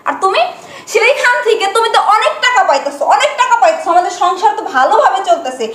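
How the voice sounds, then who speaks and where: A woman's voice: very high voice, very animated, quick pace, a bit bright, exaggerated voice. A woman playing a righteous young wife who lectures and reproaches her husband for mistreating his mother. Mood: reproachful. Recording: echoey room.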